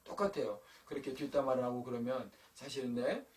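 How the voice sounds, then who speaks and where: A man's voice: medium pitch, a little fast, recorded from a distance. A man preaching a sermon to teenagers as their pastor, telling a personal story in a conversational way and speaking to them directly. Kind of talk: youth sermon. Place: church sanctuary.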